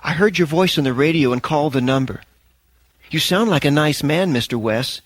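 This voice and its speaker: A man voicing a frightened, frail nine-year-old girl who speaks slowly and carefully. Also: fairly high pitch, lively intonation. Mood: fearful. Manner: slow, hushed, careful words.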